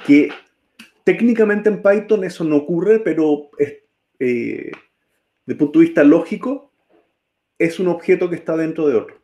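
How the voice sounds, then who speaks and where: A man's voice: on the high side, normal speed, long pauses, warm tone, muffled recording. A man teaching a programming class, typing code as he talks and often checking that students follow. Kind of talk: live-coding class.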